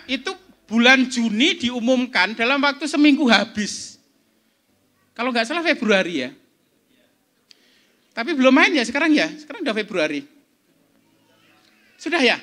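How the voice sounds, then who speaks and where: A man's voice: very high-pitched, lively intonation, moderate pace, pauses often, pushed and bright. A middle-aged man giving a seminar talk, quizzing the audience as he goes. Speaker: speaker at an entrepreneurship seminar. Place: event hall.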